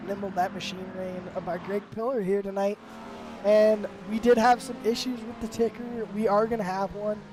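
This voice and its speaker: A man's voice: high voice, little pitch movement, moderate pace, noisy background. A man commentating a live sim race, upbeat and rambling with fillers, his voice worn from the flu. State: sick with flu.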